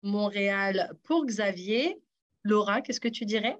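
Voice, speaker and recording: A woman hosting a radio sports quiz in a lively, teasing way, encouraging the contestants. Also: mid-range voice, measured pace, muffled recording. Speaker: quiz host.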